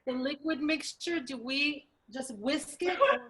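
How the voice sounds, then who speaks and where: A woman chatting on a video call during an online cooking class, animated, dropping Spanish phrases in. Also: sits high, measured pace, rough recording. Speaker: class participant and panelist. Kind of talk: casual chat.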